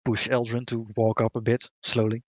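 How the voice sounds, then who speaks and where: A man's voice: mid-range voice, monotone, normal speed, no room sound. Man chatting as a tabletop player. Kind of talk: casual game chat.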